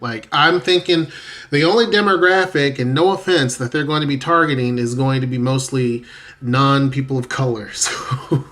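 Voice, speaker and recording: A man's voice: medium pitch, normal speed, a bit bright. Rambling casual man vlogging to camera. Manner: rambling, self-correcting, conversational. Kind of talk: casual vlog commentary. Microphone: camera facing the speaker.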